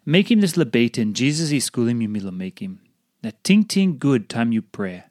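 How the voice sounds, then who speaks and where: A man's voice: medium pitch, big pitch swings, normal speed, darkish tone, no room sound. Png guy reading a devotional, papua new guinean accent, close dry sound. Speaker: devotional reader. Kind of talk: scripted devotional reading in Tok Pisin.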